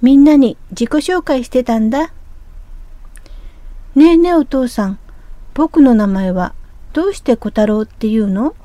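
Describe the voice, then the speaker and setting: A woman's voice: on the high side, lively intonation, a little slow, long pauses, dark tone, dry recording, lo-fi sound. A woman voicing a cheerful, curious young boy dragonfly in a storybook reading, with a childlike, eager manner.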